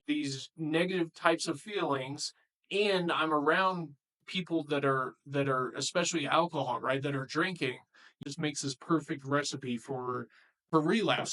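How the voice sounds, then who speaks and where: A man's voice: on the high side, a bit bright, rough recording. Earnest man giving recovery advice. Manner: earnest, repetitive, addresses viewers as "guys". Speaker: recovery coach. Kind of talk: informal advice talk to camera.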